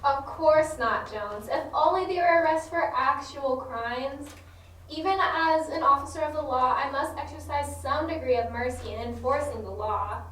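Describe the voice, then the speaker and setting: Police inspector female actor: high, dry, proper comedy acting, heavily echoing distant recording. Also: normal speed, a bit bright. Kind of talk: theatrical comedy drama acting. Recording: very echoey room, distant mic, faint noise.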